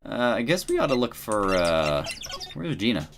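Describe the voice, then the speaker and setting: A woman's voice: very deep voice, big pitch swings, normal speed, noisy background. A woman giving casual, sweary playthrough commentary on a video game, musing aloud as she goes. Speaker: gamer playing and voicing a visual novel. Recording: game music behind the voice.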